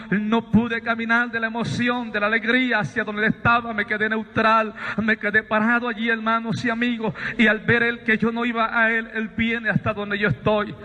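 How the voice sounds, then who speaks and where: Male preacher, strikingly high voice, narrow pitch range, fervent testimony. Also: pushed and bright, long reverb tail. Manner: fervent, repeatedly addresses listeners as brothers and friends. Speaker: preacher giving a personal testimony. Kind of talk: emotional spoken testimony.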